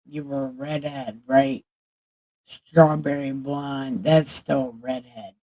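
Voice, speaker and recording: A woman's voice: a bass voice, fairly even intonation, takes it slowly, dark tone. A woman livestreamer in casual chat, talking candidly and with plenty of swearing to her viewers. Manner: candid, profane, chatting with viewers.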